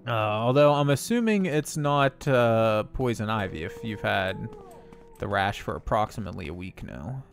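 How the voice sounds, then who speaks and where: A man with a lowish, creaky, animated voice chats casually with viewers at normal speed while streaming a game. There's soft music in the background, plenty of laughter, and a hint of nasal congestion.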